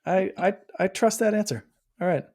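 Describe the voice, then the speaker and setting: A man's voice: sits high, moderate pace, a little mellow. A man hosting a podcast, chatting casually and laughing often. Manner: chatty, laughs often, acts out quoted voices. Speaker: podcast host. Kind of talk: casual chat.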